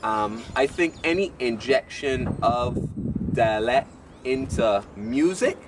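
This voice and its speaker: A man's voice: mid-range voice, expressive, takes it slowly, noisy background. A man with a Bajan accent chatting casually and emphatically, often repeating his phrases for weight. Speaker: panelist on a culture talk show. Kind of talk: casual chat.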